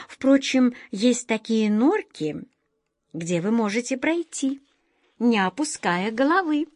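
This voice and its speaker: A woman's voice: mid-range voice, no echo, clean studio sound. A woman voicing a haughty, imperious female mouse queen in a storybook reading. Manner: commanding, condescending.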